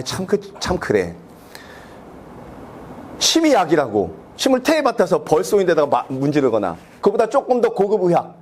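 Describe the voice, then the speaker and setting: A male pastor delivering a sermon in a church sanctuary. His voice sits high and swings widely in pitch. He keeps putting questions to the congregation and acts out prayers in a raised, slowed tone. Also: darkish tone. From South Korea.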